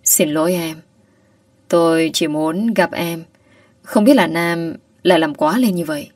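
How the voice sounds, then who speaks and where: A woman reads a gentle young male teacher in a storybook audio tale, apologetic and soft-spoken. The voice sits low for her and is dry, set a little back from the mic. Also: a little slow, no room sound, distant mic.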